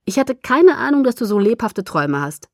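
This is a brooding young vampire, read by a woman in an audiobook. He speaks in a hushed, lowered voice that turns soft and tender. The recording is dry and close, with no room sound. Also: very animated, a little fast, no room sound. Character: gloomy tender young male vampire lover. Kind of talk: audiobook character voice.

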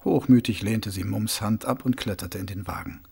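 Guy reading an audiobook, gravelly husky voice, steady pace. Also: fairly low pitch. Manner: steady, measured storytelling. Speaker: audiobook narrator. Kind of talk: scripted narration.

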